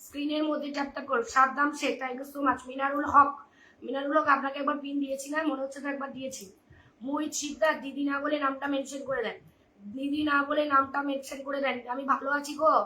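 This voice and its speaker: A woman hosting a live stream, rapidly urging viewers over and over and reading out their names. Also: high-pitched, sharp tone. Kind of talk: live stream audience chat. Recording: echoey room with faint noise.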